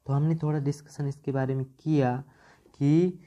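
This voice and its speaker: Warm and steady, this man's voice sits on the high side as he gives a slow Hindi grammar lesson at a board. He repeats syllables, spelling each word out, and asks "ठीक" (okay) after almost every point; the audio is dull and lo-fi.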